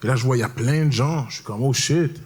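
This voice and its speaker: A man's voice: medium pitch, very fast, background noise. A young man performing a stand-up routine, telling stories in a casual, slangy way and explaining things to the crowd. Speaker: stand-up comedian. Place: comedy stage.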